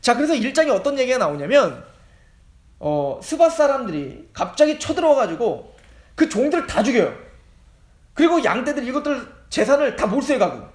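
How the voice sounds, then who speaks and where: Guy pastor preaching, high lively voice, echoey church sound. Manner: animated storytelling, acting out dialogue between God and Satan. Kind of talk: sermon. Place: church sanctuary.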